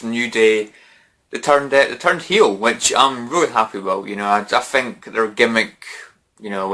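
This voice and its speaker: A wrestling fan vlogger gives casual predictions to the camera in a bright, forceful, mid-range voice. He rambles, with plenty of fillers and restarts.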